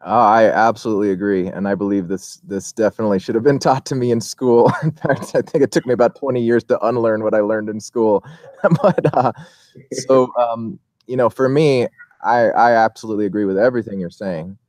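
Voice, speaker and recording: A man's voice: on the low side, fairly quick, darkish tone, no room sound, clean studio sound. A man hosting a casual interview, rambling through long questions with many fillers and restarts. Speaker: interview host.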